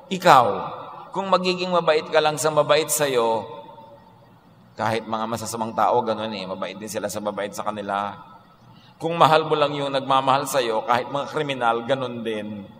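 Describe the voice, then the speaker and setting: A man delivers a radio sermon, switching between Tagalog and English with emphatic stresses. His voice sits slightly high and rings out with a long reverb, over a faint hiss of background noise. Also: bright, forceful tone. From Philippines. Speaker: pastor.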